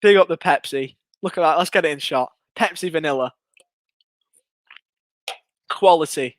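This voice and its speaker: An excitable, chatty young Englishman with a high voice hosts a live fan watchalong, commentating and reading out viewer comments at a moderate pace. He's losing his voice. The studio sound is clean, with no echo.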